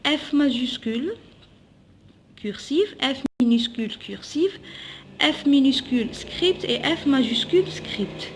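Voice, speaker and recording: A woman primary school teacher giving a phonics lesson for young children, slowly spelling out letters and syllables and repeating them. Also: high voice, animated.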